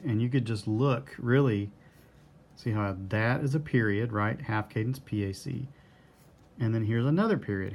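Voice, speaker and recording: Male music theory teacher, low gravelly voice, patient step-by-step explainer. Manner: patient, step-by-step, counts bars aloud. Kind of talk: recorded lesson explaining a score.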